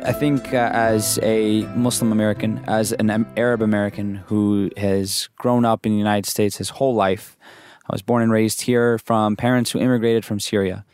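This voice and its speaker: A young man, a videographer, speaking in an earnest and deliberate way about his work. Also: lowish voice, little pitch movement, a little mellow, soft background music. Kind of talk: interview testimony.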